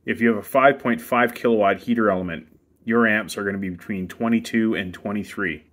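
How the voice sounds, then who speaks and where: A man's voice: fairly low pitch, brisk, fairly bright tone. A man giving a casual, practical, step-by-step how-to on testing a hot tub heater, recorded outdoors while he works with his hands. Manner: plain, practical step-by-step instructions. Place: outdoors beside a hot tub equipment bay.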